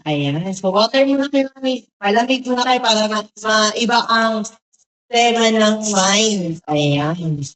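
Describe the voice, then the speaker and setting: A woman's voice: medium pitch, lively intonation, a little slow, rough recording. A woman hosting a surprise gift delivery who talks very politely, putting "ma'am" at the end of nearly every phrase.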